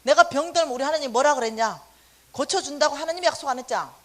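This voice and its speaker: A woman minister giving a testimony sermon, telling her story with animated storytelling and acting out the dialogue. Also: high-pitched, fast talker.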